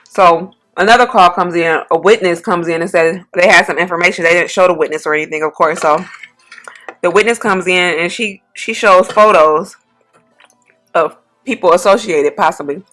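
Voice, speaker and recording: A woman hosting a mukbang, casually retelling a story in a relaxed, slangy way with lots of fillers. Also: fairly low pitch, moderate pace, faint music behind. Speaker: mukbang channel host. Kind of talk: casual storytime while eating.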